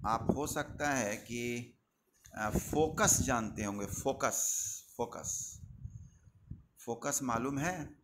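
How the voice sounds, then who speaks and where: A male teacher giving a live online class, dictating definitions slowly and checking in with students by name. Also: medium pitch, a bit bright, a little hiss or hum.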